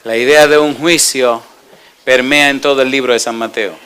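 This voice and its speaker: A male pastor preaching a sermon, building to fervent peaks and dropping to a hush for the altar call and prayer. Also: mid-range voice, fairly even intonation, normal speed, clear, resonant tone.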